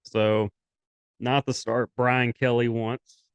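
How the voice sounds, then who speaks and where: A man's voice: mid-range voice, slow pace, clear, resonant tone, no echo, highs cut off. A young man co-hosting a sports podcast, chatting casually and rambling through his takes. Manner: rambling, animated, quotes others in put-on voices.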